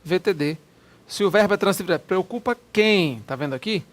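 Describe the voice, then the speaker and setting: A man teaching grammar in an exam-prep lecture, lively and repetitive, spelling words out letter by letter. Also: high voice, fast talker.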